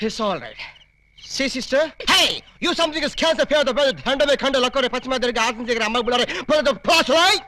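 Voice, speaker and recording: Brief: a loud bumbling thief spouting fake English, very high pitch, bright edge. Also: male voice, takes it slowly, full character voice. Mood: blustering. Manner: broken English gibberish, shouting. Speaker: comic brother of the bride. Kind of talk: Telugu film comedy acting.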